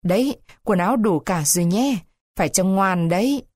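A woman voicing a poor, kind old father who mumbles gently. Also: medium pitch, animated, moderate pace, no room sound, close to an everyday voice. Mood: tender. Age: older.

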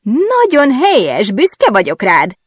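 A woman doing a giddy loudmouth girlfriend, higher and pushier than the reader, dry close sound. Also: animated, dry recording, close to an everyday voice. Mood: bossy teasing. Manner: blunt, giddy and teasing. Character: brash, carefree young woman friend, gossipy.

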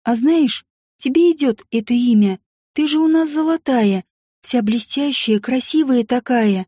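A woman voicing a lonely, gentle little princess girl who speaks in an earnest, childlike way. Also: high-pitched, unhurried, slightly rough, no echo, clean studio sound. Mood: gentle, delighted.

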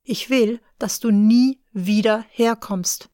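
A woman's voice: on the high side, slow pace, mellow, dry recording, studio quality. A woman reading the lines of a cool, wary bank clerk in an audiobook, matter-of-fact.

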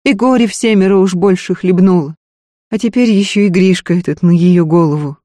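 A reader voicing a weary, sharp-tongued frontier wife in an audiobook, scolding and worried. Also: medium pitch, dry recording, studio quality, pitched above the performer's own voice, close to an everyday voice. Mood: wry, bitter. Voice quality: scolding, quick to anger. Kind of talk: audiobook character voice.

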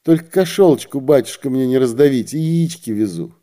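A man's voice: mid-range voice, lively intonation, normal speed, mellow, close to an everyday voice. A man voicing a fretful peasant woman with a basket of eggs, pleading and wailing in a raised voice.

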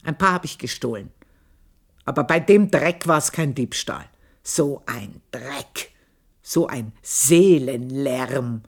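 Here a radio-play actress gives voice to an aging, bitter and proud housemaid long in service, who confides her story intensely and scornfully. She speaks slowly in a rumbling low, husky voice with lively intonation, and it is heavily acted.

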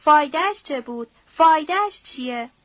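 A woman's voice: sits high, animated, no echo, highs cut off. A woman voicing a grieving, frightened widowed mother who speaks in a sorrowful, pleading way.

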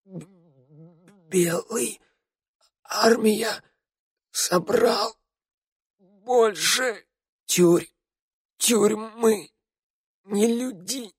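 A man's voice: sits high, very slow, long pauses, pitched above the performer's own voice. A man voicing Radu, weeping young undead. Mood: dying gasps. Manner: sobbing, broken pleading. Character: young male undead, weeping, guilt-ridden.

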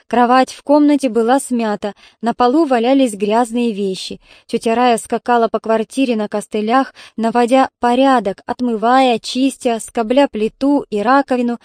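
A woman narrating an audiobook in a measured, somber way. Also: on the high side, darkish tone, no echo, studio quality. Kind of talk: scripted narration.

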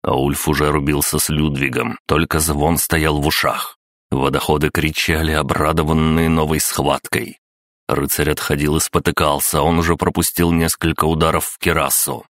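A man narrating an audiobook in a measured, dramatic manner. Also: extremely low pitch, level tone, fairly bright tone, no room sound, studio quality. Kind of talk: scripted narration.

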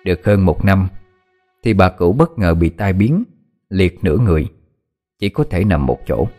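A man narrating a dramatic horror story in a measured, expressive storytelling manner. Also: deep voice. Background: faint music.

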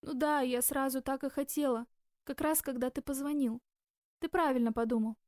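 A woman's voice: sits high, fairly even intonation, moderate pace, darkish tone, no echo, studio quality, close to an everyday voice. A woman voicing a tearful, anxious young woman who pleads in an audiobook. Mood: distressed.

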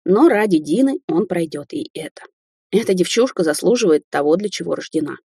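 A woman narrating a fantasy audiobook in a steady storytelling manner. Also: lowish voice, brisk, slightly rough, dry recording, studio quality.

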